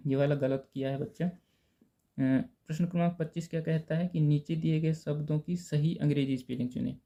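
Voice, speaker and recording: A man teaching a lesson, going over exam answers and slowly spelling out words letter by letter while speaking directly to the viewers. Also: a little high, fairly even intonation, mellow. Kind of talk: casual Hindi lesson explaining answers. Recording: dull lo-fi recording.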